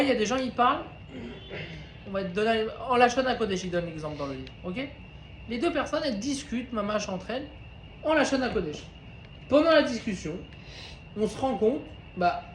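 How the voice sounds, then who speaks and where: A Torah teacher with a strikingly high-pitched voice runs an informal class, talking conversationally and often putting questions to his listeners. The study hall gives the recording a roomy echo, with faint ambient noise underneath.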